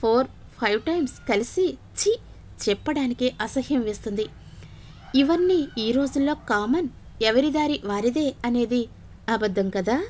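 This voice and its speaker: A woman's voice: a little high, expressive, measured pace, long pauses, a little mellow, slight background noise. A woman voicing a middle-aged mother who confronts her son with bitter, accusing questions.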